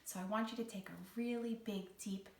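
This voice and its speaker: This woman, a children's teaching artist and read-along host, runs a storytelling and guided exercise for little ones in an encouraging, theatrical style with careful phrasing. Her mid-range voice is brisk and fairly even, with vocal fry. The recording is distant and echoey, with slight background noise.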